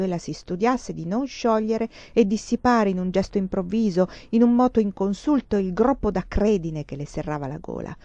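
A woman reads a novel aloud in a measured, expressive literary manner. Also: mid-range voice, no room sound. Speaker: audiobook reader. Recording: dull lo-fi dry recording.

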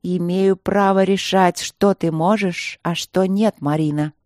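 A woman voicing a furious elder sister who shouts, stern and drawn out. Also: mid-range voice, fairly even intonation, moderate pace, no echo, clean studio sound, natural voice.

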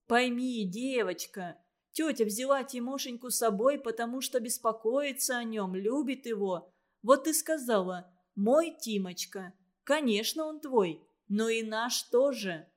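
A woman doing a gentle, portly uncle. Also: fairly high pitch, lively intonation, measured pace. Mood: coaxing. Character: kindly, portly middle-aged uncle, gentle and soft-spoken. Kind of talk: storybook reading.

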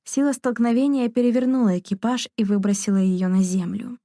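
A woman narrating a novel in an even, measured storytelling manner. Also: fairly high pitch, no room sound, studio quality. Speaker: audiobook narrator. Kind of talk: scripted narration.

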